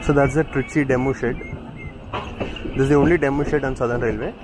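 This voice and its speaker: Riding a moving train near an open door, this Indian vlogger keeps up chatty commentary on passing trains, using fillers as he points things out on his handheld camera. He talks fast with fairly even intonation and a medium-pitched voice, heard over music and train noise.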